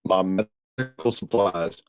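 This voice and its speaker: A man playing a tabletop game over a voice call whose audio keeps breaking up, speaking slowly and deliberately. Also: deep voice, smooth. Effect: choppy internet call audio breaking up. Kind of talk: in-character roleplay over voice chat. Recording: dull, dry online call audio.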